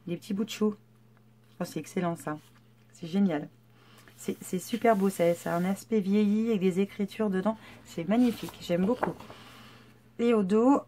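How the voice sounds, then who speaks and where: A chatty woman talks through a craft haul in a relaxed, hesitant way, full of little fillers and restarts. Her voice sits at an ordinary middle pitch for a woman. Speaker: scrapbooking vlogger. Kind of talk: casual haul show-and-tell.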